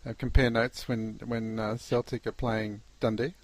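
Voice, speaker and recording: A man's voice: mid-range voice, little pitch movement, moderate pace, a little mellow. A man hosting a casual interview, chatting informally and feeling his way hesitantly into his questions. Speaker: podcast host, interviewer.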